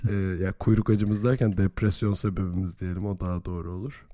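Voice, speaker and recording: Slightly hoarse, mellow-voiced male podcast host. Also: sits low, steady tone, fairly quick, no echo, clean studio sound. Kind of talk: casual sports talk show hosting.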